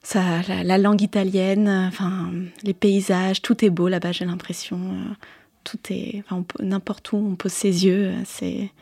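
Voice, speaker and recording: A young woman from Vietnam chats as a guest in a relaxed radio interview. She answers haltingly, filling gaps with "euh" and little laughs. Her voice sits at a middle pitch, recorded close and dry. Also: vocal fry, slightly rough, no room sound. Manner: hesitant, many fillers, soft laughs. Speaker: novelist guest.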